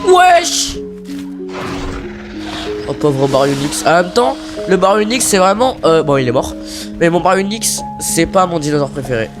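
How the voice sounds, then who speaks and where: Excitable man commentating a game. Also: fairly high pitch, moderate pace, over music. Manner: excitable, shouts and pleads at the game, swears casually. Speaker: YouTuber commentating his own gameplay. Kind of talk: casual gameplay commentary.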